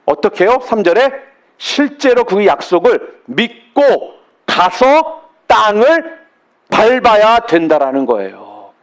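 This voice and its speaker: A man's voice: sits high, very animated, slow pace. A man preaching a sermon as pastor, asking the congregation questions and stretching key words for emphasis.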